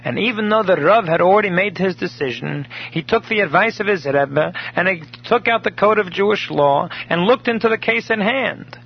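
A man teaching a recorded daily Torah class, telling a story in a measured way and explaining Hebrew terms in English. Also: sits high, expressive, creaky, slight background noise. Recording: dull lo-fi recording.

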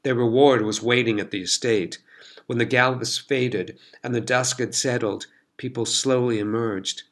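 A man narrating a story in a measured, scripted storytelling delivery. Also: mid-range voice, fairly even intonation, fairly bright tone.

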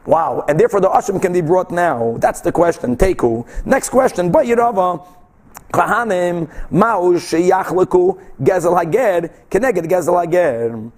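A man's voice: sits high, expressive, measured pace, a little mellow. A man teaching a religious text, reading and explaining aloud, asking and answering his own questions and repeating phrases for emphasis. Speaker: Talmud teacher.

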